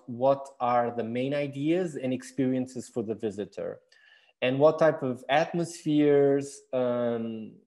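A Portuguese architect and exhibition designer in his thirties answers questions in a recorded talk, speaking English with a Portuguese accent. His mid-range voice is a little mellow as he thoughtfully explains his design work, using many fillers and restarts.

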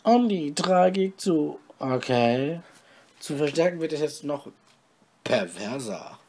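A man reading a story aloud with deadpan, mocking asides. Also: fairly high pitch, takes it slowly, slight background noise. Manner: deadpan, mocking, comments on his own reading. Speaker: podcast host reading his story aloud.

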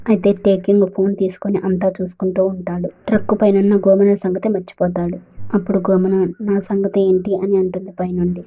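A woman retelling a drama episode as a story, reading every character's lines in her own voice. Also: mid-range voice. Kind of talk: storytelling recap with quoted dialogue. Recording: tinny phone-like recording.

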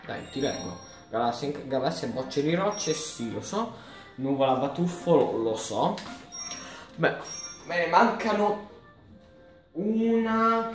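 A man giving excitable let's play commentary, talking to the game as he plays and sometimes shouting at it. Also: a little high, reverberant.

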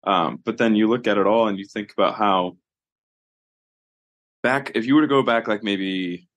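Speaking at normal speed with a fairly low pitch, this physical therapist co-hosts a podcast. The discussion is casual, and his delivery is loose and full of fillers as he voices strong, animated opinions.

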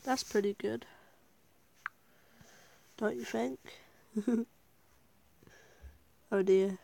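A woman's voice: mid-range voice, steady tone, very slow, creaky, warm tone. Giggly woman narrating a game. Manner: chatty, giggly, talking to viewers. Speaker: gaming video creator. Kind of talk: casual gameplay commentary.

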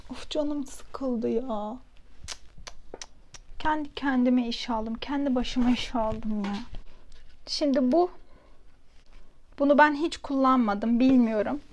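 A woman's voice: on the high side, a little mellow. Chatty woman vlogging from a basement. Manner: chatty, laughs while telling a funny story. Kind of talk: casual home vlog with storytelling. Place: home basement.

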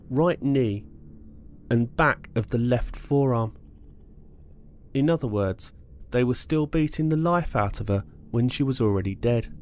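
A man narrates a true-crime podcast in a slow, deliberate delivery, his pitch sitting in an ordinary middle range. He reads court testimony in a measured, steady voice, with a faint hiss of noise underneath. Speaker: podcast host.

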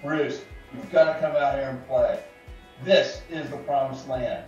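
A man's voice: medium pitch, fairly even intonation, a little slow, a little mellow, soft background music. A man from New York eagerly pleading in a casual webcam message. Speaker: fan sending a video message. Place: room indoors. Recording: distant, roomy, dull webcam audio.

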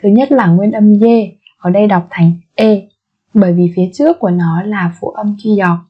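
A woman's voice: medium pitch, steady tone, breathy edge. Patient woman teacher drilling vocabulary. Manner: patient, repeats each word slowly several times. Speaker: language teacher. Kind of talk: vocabulary lesson with repetition drills. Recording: muffled lo-fi recording.

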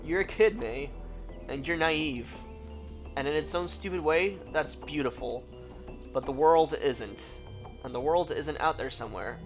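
A man's voice: on the high side, measured pace, vocal fry, music in the background. A man reading out a stern adult female cop aunt from a video game, in a grave, warning tone. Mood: ominous.

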